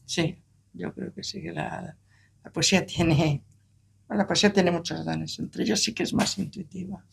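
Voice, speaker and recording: A man's voice: high voice, fairly even intonation, normal speed, vocal fry, a little hiss or hum. A man presenting a book event, speaking reflectively and searching for the right words. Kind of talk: conversational book presentation talk.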